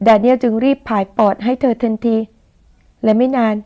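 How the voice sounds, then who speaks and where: A woman narrating a romance novel as an audiobook in a steady storytelling manner. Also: on the high side, normal speed, highs cut off.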